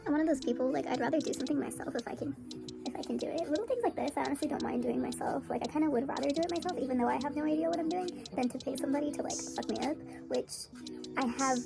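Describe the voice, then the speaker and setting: A woman's vlog voice, fast-forwarded until it comes out high and squeaky like a chipmunk. She talks in a chatty, offhand, rambling way, with some vocal fry still audible. Music plays clearly in the background. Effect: sped-up chipmunk-like audio. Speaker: vlogger. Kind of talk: casual chat to camera.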